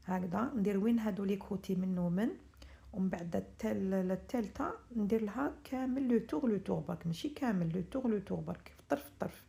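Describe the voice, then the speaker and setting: Middle-aged Algerian home cook, quick and chatty, dark gravelly tone, quiet half-whispered teaching. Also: female voice, mid-range voice. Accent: Algerian Arabic. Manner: speaks softly, often half-whispering early in the morning; chatty, instructive, switches into French words. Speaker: home cook selling pastries to order. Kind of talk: cooking tutorial narration.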